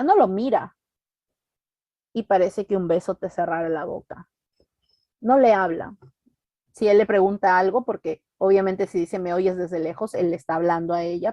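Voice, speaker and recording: A woman with a Latin American Spanish accent leads an exam-prep literature lesson in a mellow, warm voice. She keeps checking in with her students through tag questions and slows down to stress key terms. The recording is dry and close. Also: medium pitch, dry recording. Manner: asks constant tag questions to check understanding. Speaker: literature teacher.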